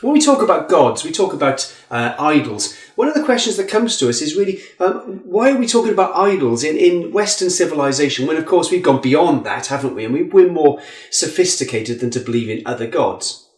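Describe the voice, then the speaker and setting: A man's voice: sing-song, a little fast. A man giving an earnest Bible teaching talk as a preacher, lifting his voice for emphasis. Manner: earnest, rising in pitch for emphasis. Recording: echoey room.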